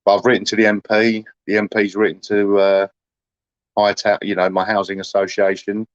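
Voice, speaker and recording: A man's voice: fairly low pitch, level tone, moderate pace, dry recording, muffled recording. A man, chatting casually to livestream viewers in a rambling, aggrieved way, full of "you know".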